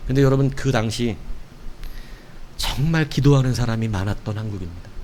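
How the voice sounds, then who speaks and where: A middle-aged male pastor preaching a sermon in a playful, animated way, acting out prayers and quotes. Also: mid-range voice, slight background noise.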